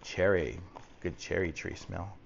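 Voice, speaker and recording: Through muffled audio and faint background noise, a deep-voiced man from Texas talks at a measured pace with vocal fry. He's a product reviewer doing a casual unboxing, chatting in a relaxed, folksy, meandering manner.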